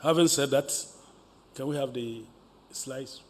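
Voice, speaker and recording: Official speaking in reverberant hall. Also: male voice, medium pitch, a little slow. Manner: formal, ceremonious. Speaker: maritime authority director general. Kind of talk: formal address at press briefing. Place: press briefing room at podium. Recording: reverberant hall with faint noise.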